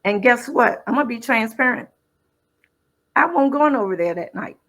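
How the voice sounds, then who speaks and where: A woman's voice: a little high, expressive, moderate pace, a bit bright. A middle-aged woman speaking at a summit, telling her own caregiving story in an earnest, faith-filled way. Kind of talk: personal testimony speech.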